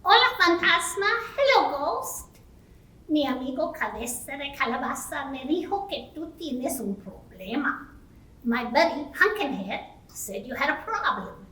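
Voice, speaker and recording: A woman doing a bright little witch puppet. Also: high-pitched, sing-song, unhurried, heavily acted. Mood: cheerful. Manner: bilingual, repeating each line in Spanish and English. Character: kindly little witch puppet who casts spells. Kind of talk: bilingual children's puppet show. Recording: echoey room, far from the mic.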